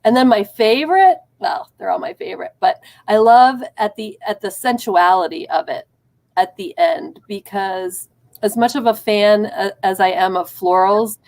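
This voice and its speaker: A woman's voice: medium pitch, darkish tone. Appreciative woman beauty entrepreneur. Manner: appreciative, enthusiastic, halting restarts. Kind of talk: casual online event chat.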